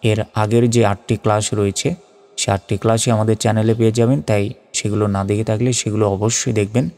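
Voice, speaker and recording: A man teaching Quran reading, who spells out Arabic letter by letter and slowly chants the verses, patient and methodical. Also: on the low side, level tone, warm tone, in a large hall.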